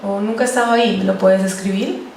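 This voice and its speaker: A woman explains podcast interview technique to a class in a clear, steady voice of middle pitch. She sounds distant from the microphone, in a very echoey room with faint background noise. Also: fast talker. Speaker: podcast journalism instructor. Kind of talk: teaching a talk on podcast interviews. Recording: roomy echo, distant mic, faint noise.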